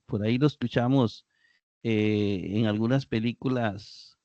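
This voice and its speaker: A man leads a live online grammar lesson. He speaks very slowly and spells words out syllable by syllable. The sound is dull and lo-fi, with a dry, close feel. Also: on the low side, steady tone, dark tone, dry recording. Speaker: Greek teacher.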